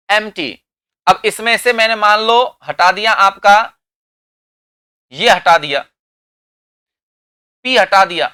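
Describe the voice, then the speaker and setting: Bright crisp Indian teacher, self-quizzing. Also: male voice, high voice, dry recording. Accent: Indian English. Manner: explains slowly, asks and answers his own questions. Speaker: English teacher. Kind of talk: classroom grammar lesson.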